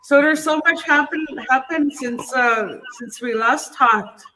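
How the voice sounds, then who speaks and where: A woman with a First Nations Cree accent hosting a casual interview show, haltingly searching for her words. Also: high-pitched, bright, forceful tone, a little hiss or hum, low-quality recording. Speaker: host.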